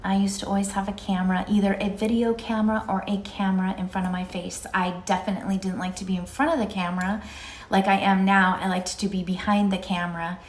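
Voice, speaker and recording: A woman's voice: mid-range voice, little pitch movement, fast talker. A woman in her fifties chatting in a casual, rambling, reflective way, recorded in an echoing indoor stairwell. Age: 50s. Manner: rambling, musing, conversational. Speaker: vlogger. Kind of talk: casual, reflective solo vlog chat.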